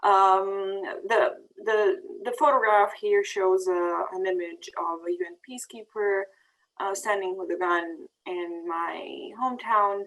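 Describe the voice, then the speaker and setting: A woman's voice: medium pitch, fairly even intonation, unhurried, a bit bright, rough recording. A woman in her thirties from Bosnia and Herzegovina, giving a presentation over slides with many ums and restarts. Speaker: peace fellow giving a presentation. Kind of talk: prepared talk over slides.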